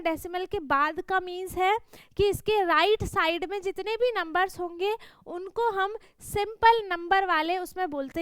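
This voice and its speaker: A woman maths teacher with an extremely high, slightly bright voice patiently explains a worksheet to children, often repeating "thik hai?" and "hai na?" to check they follow. The recording is dry.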